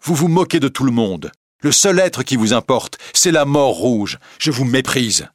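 Storybook figure: jealous young man , voiced by a male reader, raging and scornful, pitched up. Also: steady tone, moderate pace, dry recording, studio quality, natural voice. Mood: bitter. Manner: angry, bitter, ironic outbursts.

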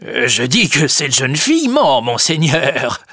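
Guy putting on a sly nervous flower grower, stammery and fawning, pitch all over. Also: big pitch swings, unhurried, sharp tone, slightly rough, no room sound, studio quality, full character voice. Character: sly, nervous middle-aged tulip grower.

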